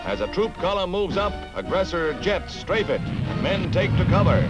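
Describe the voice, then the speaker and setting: Brisk 1950s newsreel announcer, man. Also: sits high, very animated, muffled recording. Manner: brisk, punchy announcer delivery. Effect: old 1950s newsreel sound. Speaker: newsreel narrator. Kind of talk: scripted newsreel narration. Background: newsreel music.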